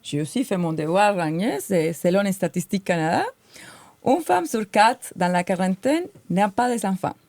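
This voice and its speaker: In a dry recording, a woman in her forties co-hosting a podcast speaks at normal speed with a medium pitch, lively intonation, vocal fry and a slightly mellow tone. She's from Colombia, carries a light Colombian Spanish accent, and reads her prepared notes with earnest feeling.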